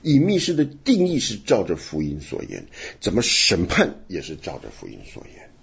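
Husky, animated male radio Bible teacher. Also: low voice, moderate pace, lo-fi sound. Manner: emphatic, questioning teaching with rhetorical questions. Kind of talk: radio Bible study discussion.

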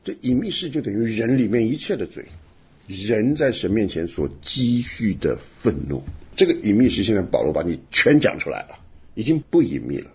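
A man's voice: on the low side, sing-song, normal speed, a little mellow, breathy edge, dull audio. A man teaching the Bible on a radio program, talking emphatically and asking rhetorical questions. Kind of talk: radio Bible study discussion.

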